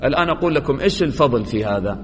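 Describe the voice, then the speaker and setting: A man teaching a religious lesson to young students, quizzing the class, praising their answers and swinging between loud emphasis and quiet asides. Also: mid-range voice, lively intonation, rapid-fire. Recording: long reverb, faint background noise.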